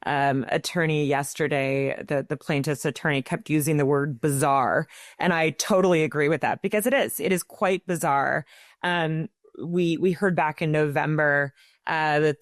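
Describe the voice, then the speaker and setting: A woman's voice: sits low, no echo, studio quality. A woman speaking as an interview guest, explaining her nonprofit's work in an earnest way with many small restarts. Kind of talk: interview answers.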